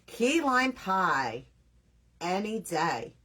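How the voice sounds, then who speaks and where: A woman's voice: mid-range voice, very animated, very slow, sharp tone, breathy edge. A woman from New York with a New York accent, chatting casually with live viewers while she crafts, rambling a little and reading their names out. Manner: chatty, scattered, self-deprecating, reads viewer names aloud. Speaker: crafting livestream host.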